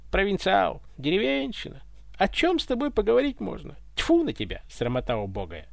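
Man doing haughty tsar, grumbling, dismissive, gravelly voice, lively pitch. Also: fast, dry recording, clean studio sound, full character voice. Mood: grumbling scornful. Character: bored, haughty male tsar, grumbling and dry. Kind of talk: audiobook character voice.

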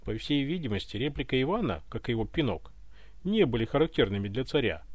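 A man narrating a humorous story in an expressive, wry manner for an audiobook. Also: mid-range voice, fast talker, dry recording.

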